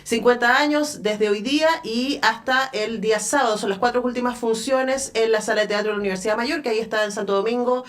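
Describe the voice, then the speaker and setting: A woman's voice: fairly high pitch, fairly even intonation, a little fast, few pauses, a bit bright. A woman with a Chilean accent hosting a radio interview in a studio, speaking conversationally and thinking aloud with small fillers. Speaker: radio host.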